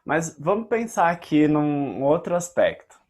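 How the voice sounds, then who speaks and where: A Brazilian man with a somewhat high voice hosts a casual debate. He speaks in a measured way and builds his argument step by step with everyday examples. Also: sing-song, a little mellow. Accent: Brazilian Portuguese. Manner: deliberate, explains with examples. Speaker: host.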